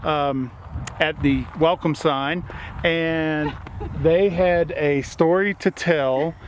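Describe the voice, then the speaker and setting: A man's voice: a little high, fairly even intonation, drawn-out words, slight background noise, rough recording. A man hosting a family travel vlog in a friendly, casual way, a little nervous on camera.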